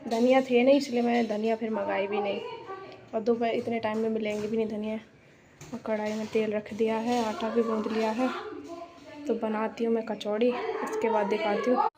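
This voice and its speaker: A woman's voice: fairly high pitch, little pitch movement, moderate pace, a crowd in the background. A young woman chatting casually to her viewers as a vlogger. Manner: chatty, addresses viewers directly. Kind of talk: casual vlog chat.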